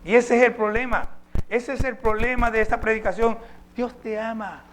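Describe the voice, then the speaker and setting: A man's voice: very high-pitched, fairly even intonation, moderate pace, a bit bright, a little hiss or hum. A male pastor preaching a sermon, emphatic and posing rhetorical questions to his congregation.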